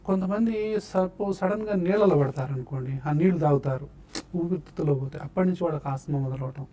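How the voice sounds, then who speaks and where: Patient explaining doctor, slightly high voice. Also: male voice, brisk, warm tone, a little hiss or hum. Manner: patient, explanatory, lists causes and treatments one by one. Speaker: doctor answering health questions. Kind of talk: explanatory TV health talk.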